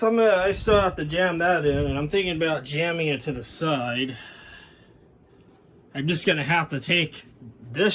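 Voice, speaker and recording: Filmed indoors on a handheld camera mic, a man whose voice sits fairly high and sounds fairly bright gives an informal walk-through of his hobby setup. There's slight background noise, and he narrates in a casual, home-video show-and-tell way.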